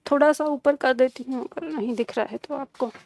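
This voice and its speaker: A young woman teaching a live online grammar class, patient, going over key terms slowly and checking that students follow. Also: high voice, a little mellow.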